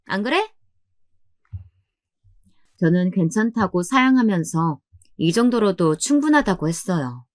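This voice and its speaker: A young woman calmly narrating a scripted first-person story in a polite, even tone. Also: lowish voice, dry recording, studio quality.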